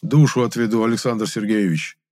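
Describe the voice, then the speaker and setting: A man's voice: on the low side, a little fast, darkish tone, close to an everyday voice. Smug middle-aged town boss and cult leader, self-assured, voiced by a man.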